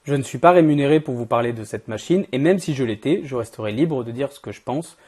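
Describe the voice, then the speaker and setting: A man presents an equipment review in an informal, direct way. His mid-pitched voice is hoarse and raspy, strained by a cold and overuse, and sounds as if it is giving out. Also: lively intonation, fast, darkish tone. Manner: informal, addresses the viewer directly. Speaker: host of an event-equipment channel. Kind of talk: product review to camera.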